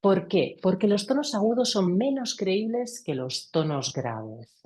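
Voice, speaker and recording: A middle-aged woman with a Spanish accent from Spain, training opticians in a lively webinar lecture with asides. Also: medium pitch, measured pace, slightly rough. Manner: lively teacher with asides and sound effects.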